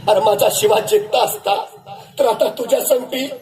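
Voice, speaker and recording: A man's voice: very high voice, moderate pace, darkish tone, a little hiss or hum. A man voicing a grieving, proud old village mother in rustic dialect, within a storytelling speech. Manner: rustic dialect, earnest pleading.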